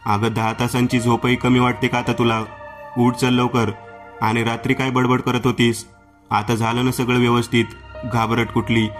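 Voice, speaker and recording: A man's voice: medium pitch, little pitch movement, moderate pace, music in the background, lightly acted. A man voicing an anxious, fussing mother. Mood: scolding. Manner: pleading, fussing over her child. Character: anxious, caring village mother of a teenage daughter.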